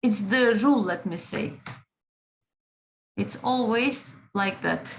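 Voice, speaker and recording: A woman's voice: mid-range voice, slow pace, gravelly, rough recording. A woman teaching a math class, patient, often checking in with the students. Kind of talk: classroom lesson.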